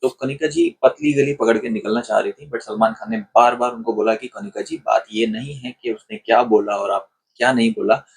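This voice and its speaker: Husky man retelling a show, animated. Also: on the low side, brisk. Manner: animated retelling, acts out quoted lines. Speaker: online show reviewer. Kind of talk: casual commentary.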